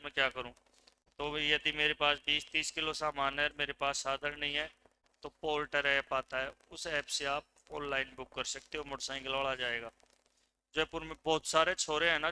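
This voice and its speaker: Forceful man teaching a class. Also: a little high, slight background noise, poor audio. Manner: drills students with repeated questions and answers; gives dictation commands. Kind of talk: classroom lecture.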